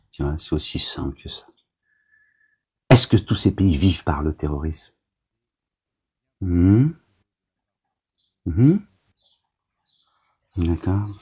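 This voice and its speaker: Very deep gravelly husky man ranting. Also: a little mellow. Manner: agitated, scolding, full of verbal tics. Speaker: self-styled preacher addressing viewers. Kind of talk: rambling monologue.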